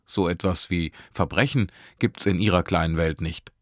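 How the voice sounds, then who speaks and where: A chatty, teasing young woman at the wheel, read by a man in his own low voice. She rattles on with amused, joking remarks. The reading is dry and close. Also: moderate pace, dry recording, natural voice. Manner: talkative, teasing, laughing often. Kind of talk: audiobook character voice.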